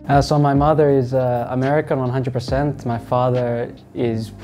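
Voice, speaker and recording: Young man speaking in a flat, even tone. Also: mid-range voice. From Australia. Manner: relaxed, halting with many fillers. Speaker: football player. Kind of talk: sit-down interview. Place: indoors in front of a wall of football boots. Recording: music playing underneath.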